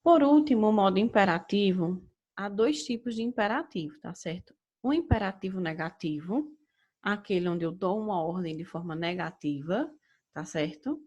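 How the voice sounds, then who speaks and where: Brazilian Portuguese woman teacher, young adult, mid-pitched, steady lecture delivery. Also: slightly rough, dull audio. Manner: measured explaining, checks in with "tá certo?". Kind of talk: recorded grammar lesson.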